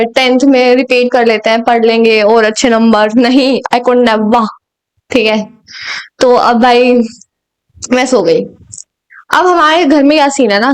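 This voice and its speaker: A woman's voice: high-pitched, clear, resonant tone. A young woman from India telling a personal story in a chatty, dramatic way, slipping into English now and then and often laughing at herself. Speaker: storyteller vlogger. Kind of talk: casual storytime vlog.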